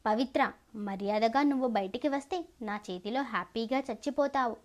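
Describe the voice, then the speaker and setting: A woman's voice: on the high side, moderate pace, close to an everyday voice. Woman voicing a gloating male villain. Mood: menacing. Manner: taunting, threatening. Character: menacing young male villain, cruel and gloating. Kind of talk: storybook narration.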